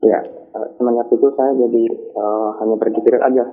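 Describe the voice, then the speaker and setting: A male caller phoning in to a radio program, asking a question hesitantly and pausing often, his voice breaking up over the telephone line. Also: medium pitch, little pitch movement. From Central Java, Indonesia. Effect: phone line breaking up. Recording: tinny phone line that breaks up.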